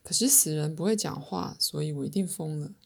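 A shaken, grieving woman, as a female narrator plays her snaps short, tense replies. The voice is low with a husky, gravelly edge. It sounds like a reader lightly shading her own voice. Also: a little fast, full character voice.

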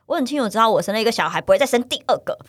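Blunt, quick woman co-host. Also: fairly high pitch, expressive, no echo. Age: late 30s. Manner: frank, blunt, slangy advice-giver. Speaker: podcast co-host. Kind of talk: casual chat.

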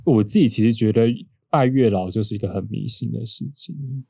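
A man's voice: lowish voice, a little fast, gravelly, slightly rough, no echo, studio quality. A young man with a Taiwanese Mandarin accent, co-hosting a podcast and telling stories in a casual, teasing way. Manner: storytelling, animated and teasing. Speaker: podcast co-host. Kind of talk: casual chat.

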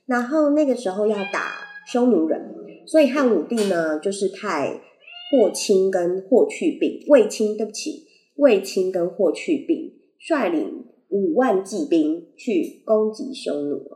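Her pitch sits in the middle range, and she sounds animated yet measured, with a warm tone. She's a Taiwanese Mandarin-accented woman running a casual one-person podcast, slightly hard to understand because of braces, wandering and joking and fixing her own phrasing. A compact condenser mic on a phone picks her up in an echoey room.

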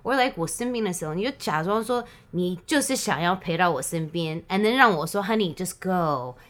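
A woman's voice: on the low side, animated, brisk. A woman telling a story in casual chat, switching often between Mandarin and English.

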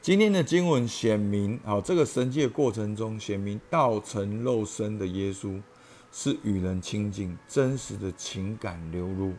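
A man's voice: lowish voice, measured pace, a little mellow, a little hiss or hum. Earnest man preaching a daily devotional. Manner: earnest, asks listeners direct questions, swells to impassioned emphasis. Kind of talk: daily devotional sermon and prayer.

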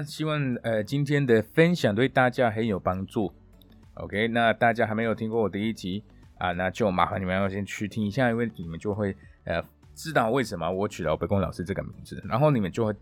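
A man hosting a podcast Spanish lesson, who repeats words slowly and clearly and talks with small fillers and restarts. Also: fairly low pitch, no echo. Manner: halting, with fillers and self-corrections. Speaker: Spanish teacher, podcast host.

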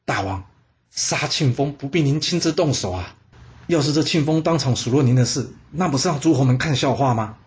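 A man voicing a cautious court adviser who quietly warns the king in a storytelling podcast. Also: mid-range voice, lively intonation, brisk, natural voice. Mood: hushed. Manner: hushed, warning. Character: cautious male court adviser, speaking low.

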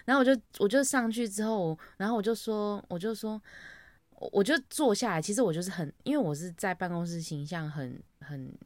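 A woman's voice: mid-range voice, brisk, darkish tone, no room sound, studio quality. A young woman, chatting casually and acting out her own greetings as she tells an office story. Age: young adult. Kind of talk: casual chat.

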